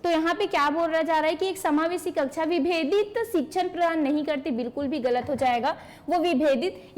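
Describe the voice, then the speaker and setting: Woman, teacher, high voice, exam-prep lecture, asks and answers her own questions, online class. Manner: explains by asking questions and answering them; addresses online students by name.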